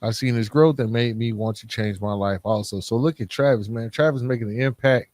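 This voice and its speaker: This male podcast host speaks fairly quickly in a mid-range, slightly mellow voice, recorded with no room sound. Earnest and informal, he chats with frequent casual asides, leaning on "man" and "you know."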